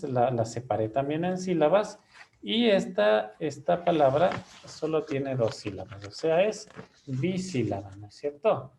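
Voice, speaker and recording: A man teaching a classroom lesson, explaining each step patiently and checking in with his students often. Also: fairly high pitch.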